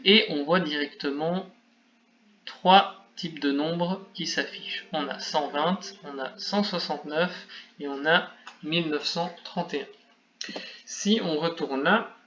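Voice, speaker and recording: A man's voice: a little high, slow, fairly bright tone. A man hosting a video game guide, methodically explaining a game skill over slides with a lightly self-mocking touch. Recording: dull lo-fi recording, faint background noise.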